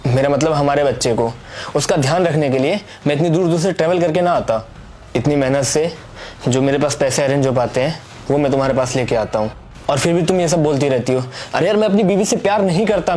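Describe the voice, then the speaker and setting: A man's voice: on the high side, darkish tone, close to an everyday voice. A man playing a jealous, hot-tempered lover. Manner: irritated, argumentative. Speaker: actor. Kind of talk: Hindi web skit acting.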